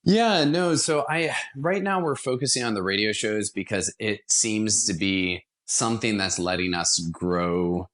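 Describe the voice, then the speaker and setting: He speaks in a lowish, slightly bright voice, unhurried and with few pauses, offering earnest, conversational answers as an interview guest. An American from Washington, D.C., this theater company founder repeats words for emphasis.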